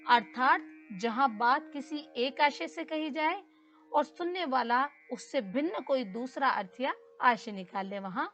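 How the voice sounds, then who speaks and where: A woman teacher explaining a grammar lesson slowly and deliberately, repeating key terms. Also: high voice, animated, a bit bright, faint music behind.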